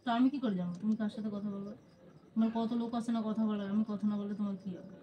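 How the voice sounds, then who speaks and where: A woman's voice: medium pitch, flat delivery, very fast, mellow, muffled recording. A woman, scolding her husband in a staged argument for a prank video. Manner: scolding, repetitive, insistent. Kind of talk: staged argument, then casual talk to viewers. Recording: voice from some distance, hidden camera.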